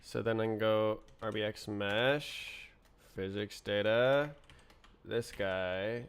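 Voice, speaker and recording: Low, slow-talking sick-voiced man muttering. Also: fairly even intonation, smooth. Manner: muttering half-finished thoughts to himself. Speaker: programmer streaming his coding. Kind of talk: thinking aloud while live coding.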